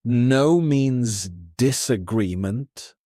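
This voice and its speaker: A man calmly leading a relaxation-style language lesson, unhurried and repeating words with pauses, recorded close up. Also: mid-range voice, dry recording. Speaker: English teacher and relaxation guide.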